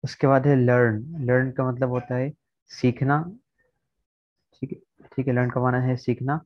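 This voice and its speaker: A man teaching an online vocabulary lesson, explaining words one by one and often checking in with a quick "all right". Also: mid-range voice, flat delivery, no room sound. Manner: explains word by word, often checking with "theek hai". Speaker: English teacher. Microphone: video call. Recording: dull, slightly lo-fi online call recording.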